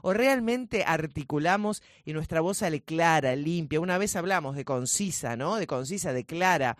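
A woman voice coach with a Rioplatense Spanish accent, speaking in a powerful, loud, vehement way as a guest in a radio studio. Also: sits low, normal speed, no room sound. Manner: vehement, lively teaching tone.

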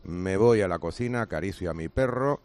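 A man, co-hosting a radio show and telling relaxed anecdotes. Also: deep voice, fairly quick, soft background music. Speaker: radio co-host. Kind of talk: casual radio chat. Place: radio studio.

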